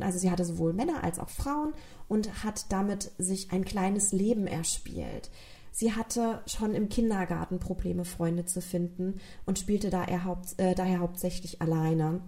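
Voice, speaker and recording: A woman with a lowish, dark voice and a regional German accent from Rhineland-Palatinate hosts a true crime podcast, earnestly retelling a case and speaking straight to her listeners.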